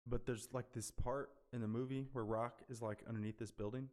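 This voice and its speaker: A young podcast co-host fires off profane jokes in quick banter. He talks fast, at a middling pitch. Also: fairly even intonation, a little mellow. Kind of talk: casual chat.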